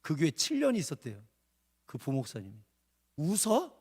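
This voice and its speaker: A male pastor preaching at an evening revival service. He tells a story that swings from hushed narration to shouted outbursts. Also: fairly high pitch, huge pitch swings, moderate pace, breathy edge. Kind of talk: revival sermon. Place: church sanctuary.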